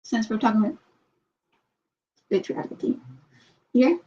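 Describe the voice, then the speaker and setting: A woman's voice: on the high side, a little slow, warm tone. A woman hosting a casual livestream chat, rambling and repeating herself as she reads out viewer comments. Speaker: channel host. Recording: dull lo-fi sound.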